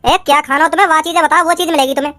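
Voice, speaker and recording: A nervous village fruit seller, as a woman plays him, with a folksy turn of speech. He pleads quickly in a very high voice. This is a comedy skit role. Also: steady tone, sharp tone.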